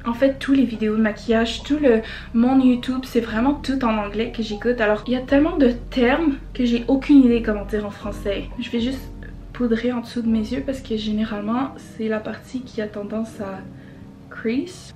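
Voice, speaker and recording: A young beauty vlogger from Quebec, Canada, chats casually through a makeup tutorial in a Québécois French accent. Her voice is a bit high with a darkish tone, and she hesitates often and slips English words in. Music plays in the background.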